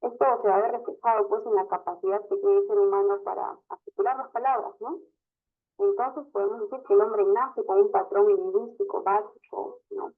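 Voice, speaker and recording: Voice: medium pitch, steady tone, a little fast, faint music behind. A teacher giving an online class lecture, explaining step by step and often adding a short questioning tag. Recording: tinny phone-like audio.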